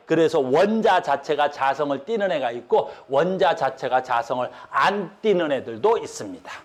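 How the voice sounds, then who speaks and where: Lively high-voiced male physics teacher. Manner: keeps checking understanding with short questions; lively, swings between loud stresses and low mutters. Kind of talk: classroom lecture.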